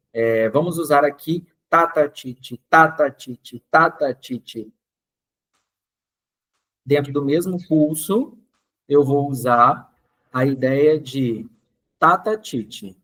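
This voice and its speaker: A man teaching a music theory lesson, explaining step by step and chanting rhythm syllables to a steady beat. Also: fairly high pitch, husky.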